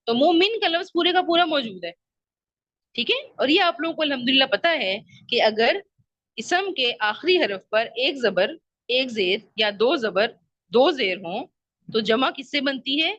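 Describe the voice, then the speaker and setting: High, lively woman teaching a lesson. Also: dry recording, lo-fi sound. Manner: patient, repeats questions and checks understanding. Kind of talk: online Arabic grammar lesson.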